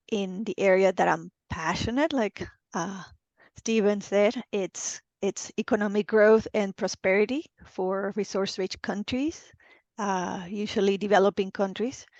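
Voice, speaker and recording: Woman, 40s, consultant guest, halting, dull dry call audio. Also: mid-range voice, fairly even intonation, a little mellow, dry recording. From Venezuela. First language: Spanish. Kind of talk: casual video-call interview. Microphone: video call.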